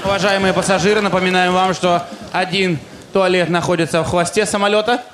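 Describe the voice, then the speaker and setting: An actor playing a harried, sarcastic flight attendant in a comedy sketch, giving polite cabin announcements and reports with a deadpan manner. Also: male voice, sits high, brisk. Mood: dutiful, deadpan. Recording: echoey stage recording, loud background noise.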